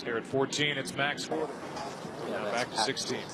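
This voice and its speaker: A male golf commentator of medium pitch speaks in clipped, declarative phrases. Loud outdoor noise runs behind his voice. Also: normal speed. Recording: very noisy outdoor broadcast. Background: loud outdoor ambience.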